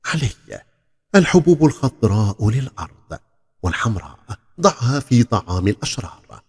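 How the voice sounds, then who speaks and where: A man voicing a mysterious unseen guiding spirit in a storybook tale, calling in a hushed way. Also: medium pitch, very animated, moderate pace, husky. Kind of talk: storybook character acting. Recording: long hall reverb on the voice.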